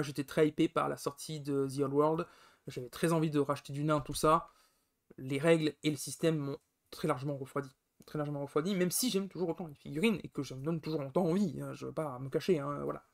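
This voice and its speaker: Male podcast host, slightly raised pitch, casual and chatty, rambling delivery full of self-corrections. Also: vocal fry. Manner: enthusiastic but grumbling. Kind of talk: casual live-stream commentary.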